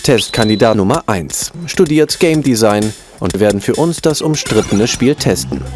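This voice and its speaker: A man's voice: lowish voice, animated, moderate pace, a little mellow, faint music behind. A man reading a scripted news report as a reporter.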